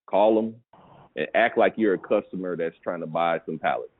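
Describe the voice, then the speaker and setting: Speaking at normal speed in a low voice, a pallet business coach chats with a caller as though on a business advice call. There's no room sound, just narrow telephone-style audio, and he repeatedly asks whether the listener is following.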